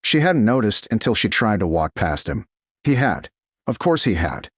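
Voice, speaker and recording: A man reads a scripted romance audiobook in measured, dramatic phrases. His low, husky voice swings very animatedly in pitch, and the recording is dry and close with no room sound.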